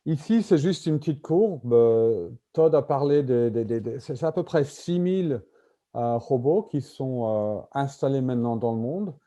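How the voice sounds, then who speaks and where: His voice is medium-pitched and mellow, expressive, and measured in pace. A native English speaker from Britain, this invited conference speaker and medical simulation executive gives his presentation in French with a British accent, pausing hesitantly to find his words.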